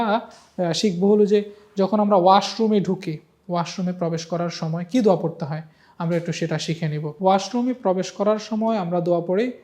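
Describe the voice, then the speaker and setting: A man's voice: high voice, darkish tone. A middle-aged man teaching an online Quran reading lesson, patiently spelling out letters one by one and coaxing students to repeat after him.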